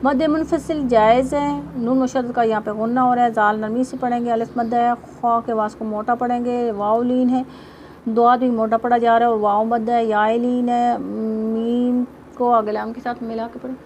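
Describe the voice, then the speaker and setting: High-voiced woman teaching Quran recitation. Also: flat delivery, darkish tone, a little hiss or hum. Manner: explains rules line by line, then recites verses slowly and melodiously. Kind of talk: tajweed lesson with recitation.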